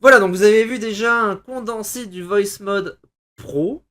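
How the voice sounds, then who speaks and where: A man's voice: high-pitched, a little slow, fairly bright tone. A man demoing a voice changer on a live stream, playful and chatty, his voice run through one filter after another. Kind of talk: casual live-stream product demo. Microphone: computer microphone.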